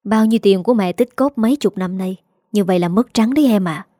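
A dutiful middle-aged son, earnest and pleading as he frets over his mother, voiced by a woman reading the story. The tone is warm and soft, in a dry, close sound. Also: mid-range voice, quick pace, no echo, lightly acted. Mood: worried.

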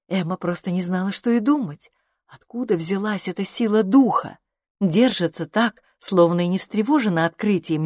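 Женщина читает классический роман, сухо. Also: female voice, lowish voice, a little mellow, no echo, clean studio sound. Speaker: audiobook reader. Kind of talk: literary audiobook narration.

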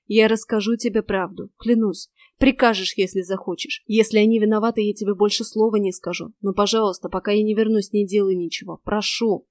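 An earnest young werecat man pleads gently and with loyalty, as a woman reader voices him. His voice sits mid-pitched in a dry, close recording. He speaks softly and sincerely throughout. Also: fairly even intonation, brisk, hardly any pauses, dry recording, lightly acted.

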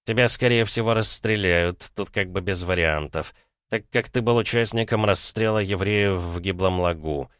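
A man's voice: low voice, normal speed, a bit bright, clear, resonant tone, no echo, clean studio sound. A man voicing a blunt male captain interrogating a prisoner, pressing hard with a mocking edge.

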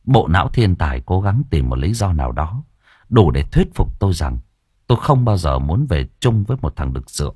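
A man narrating a first-person audiobook story in an animated, expressive way. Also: low voice, normal speed, slightly rough, dry recording, clean studio sound.

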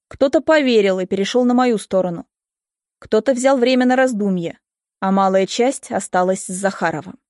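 A woman reading a first-person story aloud in a steady, emotive way. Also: medium pitch, dry recording, clean studio sound. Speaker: audiobook reader. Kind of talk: scripted first-person narration.

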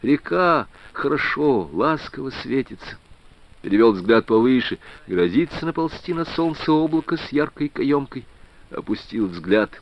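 Man reading an audiobook story, lively melody, kinda dull flat sound. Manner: expressive storytelling with a lively pitch. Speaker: audiobook narrator. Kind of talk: scripted narration. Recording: dry, slightly dull studio reading.

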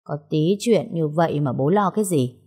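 A woman's voice: low voice, expressive, moderate pace, dark tone, husky. A woman reading a story aloud, voicing a spoiled woman near thirty who talks back resentfully to her father.

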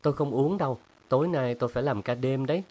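A man voicing a lively, teasing young woman who scolds playfully in a storybook reading. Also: mid-range voice, fast, pitched above the performer's own voice, close to an everyday voice.

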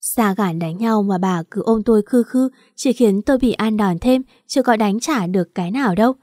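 A woman narrating a first-person family drama story in an even reading voice. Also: mid-range voice, normal speed, no echo, studio quality.

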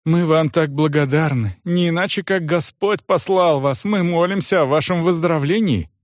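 A man's voice: fairly high pitch, normal speed, no echo, studio quality, pitched above the performer's own voice, lightly acted. A man voicing a sly, fawning innkeeper who talks in an oily, evasive way. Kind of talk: audiobook character voice.

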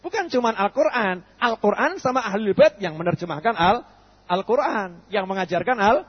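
Animated preacher with a husky voice. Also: male voice, high voice, moderate pace. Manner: animated, asks and answers his own questions. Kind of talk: lively sermon with acted dialogues. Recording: dull lo-fi sound in a reverberant hall.

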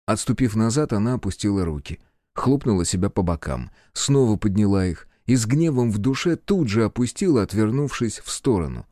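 A man narrating a novel chapter as an audiobook in steady storytelling. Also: fairly low pitch, a little fast, no room sound, clean studio sound.

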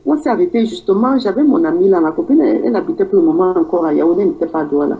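A woman's voice: fairly low pitch, expressive, racing, narrow, tinny audio. A woman with a Cameroonian French accent, telling her personal story in a rambling way and acting out the dialogue she quotes. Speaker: guest. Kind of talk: personal testimony in conversation.

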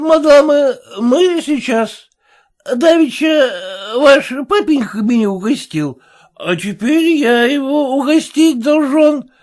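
A man voicing a rowdy, drunk male merchant guest who slurs and shouts commands in a high, loud voice. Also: heavily acted. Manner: slurred, boisterous, shouting commands.

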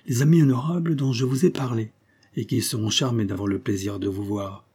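A man voicing a big, hearty revolutionary leader in an audiobook, with a booming, overbearing voice. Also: steady tone, brisk, warm tone, slightly rough, lightly acted. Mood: boisterous. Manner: hearty, overbearing, tipsy bonhomie. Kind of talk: audiobook character voice.

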